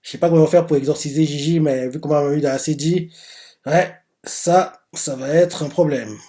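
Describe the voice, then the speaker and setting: A man's voice: a little high, normal speed. Rambling man reacting to a manga chapter. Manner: rambling, animated, constant filler words. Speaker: manga reaction channel host. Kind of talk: casual live reaction, retelling a chapter.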